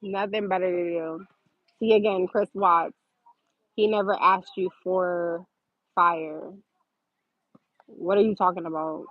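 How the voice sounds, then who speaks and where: A woman's voice: on the low side, fairly even intonation, slow, pauses often, dry recording, muffled recording. A woman hosting a casual livestream, reading viewer comments aloud and answering them with sarcasm and laughter.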